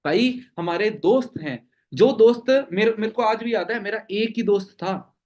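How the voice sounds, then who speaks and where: Leading his network marketing team's meeting, a young man fields questions emphatically, tossing out rhetorical questions and frequent "theek hai?" tags. He has a high-pitched, somewhat dark voice and keeps a moderate pace.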